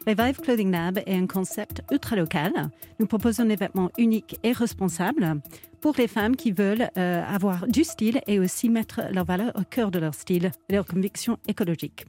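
A woman in her fifties with an English accent, giving an earnest business pitch in French. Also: moderate pace, dark tone, soft background music. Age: 50s. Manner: earnest, fluent with slight hesitations. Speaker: entrepreneur pitching.

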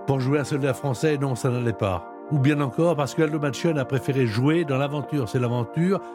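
Lively male radio quiz host. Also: mid-range voice. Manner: brisk, lively presenting. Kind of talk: radio quiz and interview hosting.

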